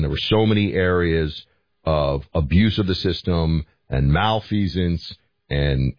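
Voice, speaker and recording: Hoarse, low-voiced American radio host. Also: male voice. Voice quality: hoarse, scratchy throat. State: hoarse from staying up late talking. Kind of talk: conversational political commentary with listener calls. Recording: roomy echo, slightly dull audio.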